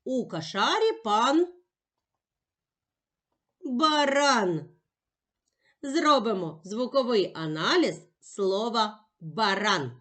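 Teaching young children, a woman slowly sounds out each letter one by one in a patient, emphatic, sing-song manner. Her voice is medium-pitched, animated and a bit bright, suited to slow, clear primary classroom instruction.

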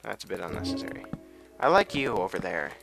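Over background music, a young gameplay commentator rambles casually through a video game in a low, creaky, sing-song voice, speaking briskly. He keeps wandering onto tangents, humming and singing to himself along the way.

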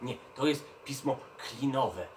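A man's voice: mid-range voice, animated, slow pace, a little mellow, recorded from a distance, slight background noise. A man working as a children's librarian, patiently explaining things to children and often checking in with them. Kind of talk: children's educational talk.

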